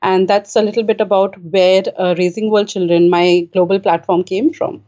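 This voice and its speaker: A woman from Kuwait, an author and guest, is interviewed casually at her home in Richmond, speaking hesitantly with many filler sounds. Her mid-range voice is steady and warm at normal speed, and the recording is muffled.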